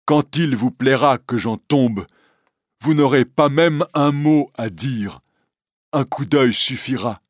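A man voicing a gentle, devoted deaf hunchback in a storybook reading, earnest and pleading. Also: medium pitch, dry recording, studio quality, voice pushed up. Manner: earnest, pleading, raised and slow.

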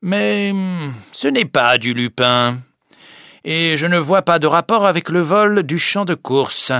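A man's voice: a little high, expressive, slow, bright, forceful tone, clear, resonant tone, no echo, clean studio sound, voice pushed up, heavily acted. Man voicing a dismissive chief inspector. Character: gruff older chief police inspector man.

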